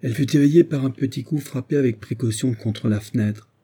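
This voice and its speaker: A man reading a novel aloud as audiobook narrator, in an even, measured way. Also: medium pitch.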